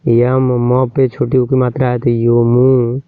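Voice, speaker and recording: A man's voice: medium pitch, completely flat delivery, takes it slowly, clear, resonant tone, no echo. A man teaching children to spell names, drawing out each syllable and often checking that they understood. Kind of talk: slow, spelled-out lesson. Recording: tinny phone-like sound.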